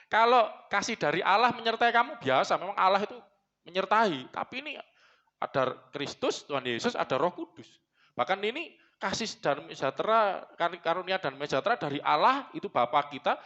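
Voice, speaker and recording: A man preaches a sermon in church, blunt and full of jokes. His voice is bright and forceful and sits a little high for a man. The recording is dull and lo-fi. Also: big pitch swings, a little fast. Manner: joking, blunt, mixes in Javanese phrases. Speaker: pastor.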